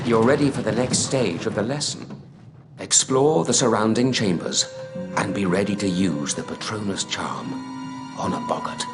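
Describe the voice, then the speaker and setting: A man's voice: fairly low pitch, normal speed, natural voice. Man playing a kind wizard professor, music behind. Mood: patient, instructive. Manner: instructive, encouraging. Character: kind, patient adult male wizard professor. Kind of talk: video game tutorial dialogue.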